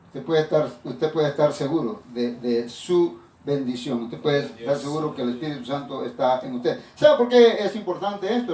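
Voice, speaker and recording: Male pastor, sermon delivery, higher-pitched voice, echoey room, mic at a distance. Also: darkish tone. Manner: preaching with repeated "hermanos", frequent restarts.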